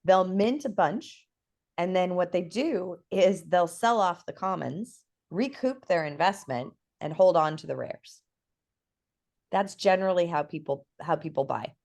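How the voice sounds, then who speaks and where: A chatty woman with a slightly low voice talks casually as a guest expert. She explains things in a lively, conversational way, full of fillers and quick "right?" check-ins. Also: vocal fry. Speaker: guest expert on NFT projects.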